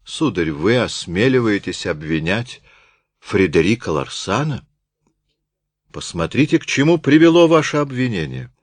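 A man's voice: on the low side, big pitch swings, normal speed, dry recording. A man voicing a stern, impatient presiding judge who presses with insistent questions. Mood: indignant.

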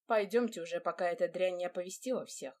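A woman's voice: lowish voice, quick pace, darkish tone, natural voice. A woman reading an audiobook, voicing an arrogant young nobleman who speaks curtly and scornfully. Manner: curt and scornful.

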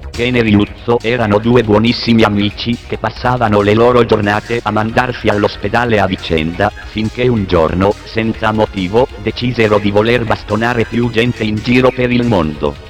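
Metallic robot voice, male, deadpan. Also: on the low side, normal speed, soft background music. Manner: flat deadpan machine reading. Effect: metallic text-to-speech robot voice. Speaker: narrator of a video game parody. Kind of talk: scripted comic narration.

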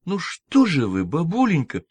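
A man voicing a frightened, insistent young woman in a hospital bed, pleading in a high, agitated voice. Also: huge pitch swings, measured pace, husky, no room sound, full character voice. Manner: pleading, agitated, rising pitch.

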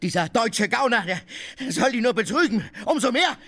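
An actor playing a coarse, scheming swindler in a radio drama, abusive and loud. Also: male voice, fairly high pitch, sing-song, moderate pace, heavily acted. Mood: ranting. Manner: abusive, blustering, shouting. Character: scheming middle-aged male swindler, coarse, bullying. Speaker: Tarantjew.

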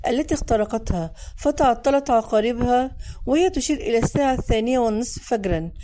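Female audiobook narrator, higher voice, warm mellow tone, expressive delivery. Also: quick pace. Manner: dramatic, expressive. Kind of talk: first-person audiobook narration.

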